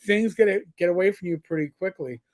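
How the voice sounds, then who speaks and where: A middle-aged man with a strong New York accent, a podcast co-host, chats casually on a livestream in a high-sitting, darkish voice, talking fast. He rambles and thinks aloud, stopping, restarting and filling gaps with "um" and "uh."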